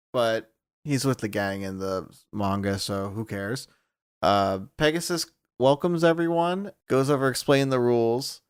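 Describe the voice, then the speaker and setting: A man co-hosting a podcast, chatting casually, laughing often and acting out characters in quick voices. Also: medium pitch, smooth, no echo, studio quality. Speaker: podcast co-host.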